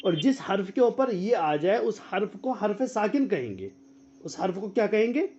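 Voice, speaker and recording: A man teaching a tajweed lesson over a video call, quizzing his students, repeating their answers and spelling out letters slowly as a drill. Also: high-pitched, sing-song, darkish tone, muffled recording, slight background noise. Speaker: Quran teacher.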